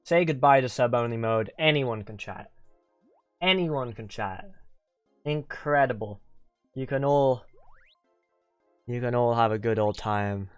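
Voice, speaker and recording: In a relaxed stream with viewers, a young man rambles, restarts, leans on "like," and occasionally vents his exasperation. His mid-range voice is unhurried with long pauses, the tone is clean with no room sound, and faint game music sits in the background.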